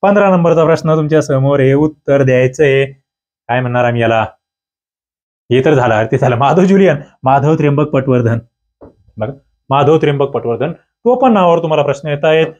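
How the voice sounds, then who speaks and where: A man's voice: a little high, expressive, brisk, darkish tone, muffled recording. A man teaching an exam-prep grammar lesson, reading out test questions and options and explaining each answer, with sudden jumps in emphasis and many fillers. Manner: fillers like "bagha" and "a", and self-corrections.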